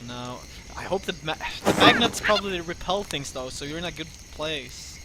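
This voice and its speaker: A man's voice: a little high, animated, moderate pace. A man hosting, chatting casually while playing a game, laughing and swearing often. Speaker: host. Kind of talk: casual gaming chat. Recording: very noisy audio.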